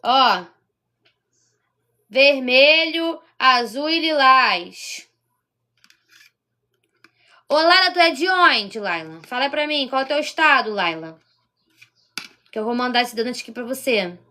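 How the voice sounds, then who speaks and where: A woman from Rio de Janeiro with a Carioca accent runs a live-streamed cooking demonstration. Her voice sits a little high, and her talk is chatty, often checking in with the people watching. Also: lively intonation, slow, pauses often, pushed and bright. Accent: Carioca Portuguese. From Rio de Janeiro, Brazil. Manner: chatty, keeps checking in with viewers. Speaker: baking instructor.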